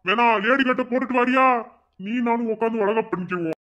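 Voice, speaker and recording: Brief: a man playing a fast, high-voiced Madurai uncle who mocks everyone. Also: fairly bright tone. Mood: mocking. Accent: Madurai Tamil. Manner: mocking, playful.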